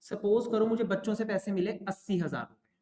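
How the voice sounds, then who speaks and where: A brisk, mellow, high-sitting male voice explains accounting basics to a class. The teacher is encouraging and checks in with his students again and again, and the lecture is captured with a roomy echo.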